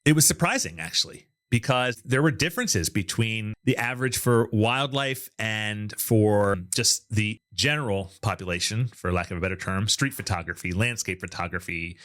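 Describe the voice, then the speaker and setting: A man's voice: fairly low pitch, animated, normal speed, few pauses, fairly bright tone. A man hosting an interview, talking in an enthusiastic, chatty way about what he has found. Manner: enthusiastic, chatty, data-minded. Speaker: host. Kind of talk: casual interview chat.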